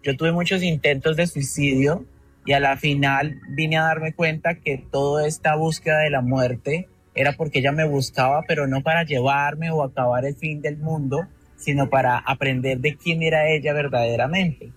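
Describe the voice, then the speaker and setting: A man's voice: on the high side, fairly even intonation, moderate pace, fairly bright tone, husky, no room sound. A man, calling a radio show on speakerphone and rambling earnestly about his devotion. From Antioquia, Colombia. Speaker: radio caller. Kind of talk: call-in storytelling. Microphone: phone on speaker.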